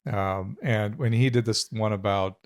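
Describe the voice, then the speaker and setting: A man co-hosting a podcast, chatting casually in a measured way and often repeating and restarting his phrases. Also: lowish voice, fairly even intonation. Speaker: podcast co-host. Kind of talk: casual chat.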